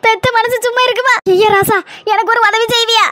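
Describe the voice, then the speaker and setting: A woman's voice: very high voice, steady tone, a little fast, bright, forceful tone, dry recording. A woman with a Kanyakumari Tamil accent voicing a worried, insistent village mother in a cartoon. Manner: pleading, then domineering and scolding. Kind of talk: cartoon voice acting.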